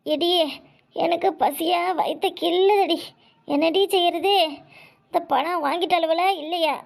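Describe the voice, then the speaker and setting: A nagging old village mother in a cartoon, faking her own death while she grumbles about food and money. The voice sits very high and squeaky for an old woman. She scolds in a complaining, low-key way. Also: steady tone, measured pace, creaky, exaggerated voice. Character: scheming old village mother playing dead. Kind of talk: cartoon voice acting.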